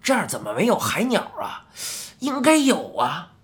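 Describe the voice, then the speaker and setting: A woman voicing a sly, evasive strange old man in a children's audiobook, dodging questions with a playful, drawn-out chuckle. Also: low voice, big pitch swings, voice pushed down. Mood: evasive, teasing.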